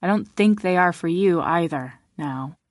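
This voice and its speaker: A woman's voice: fairly low pitch, measured pace, no echo, studio quality, lightly acted. A woman narrator voicing Jennifer, a guarded, wry young woman who talks in a subdued way.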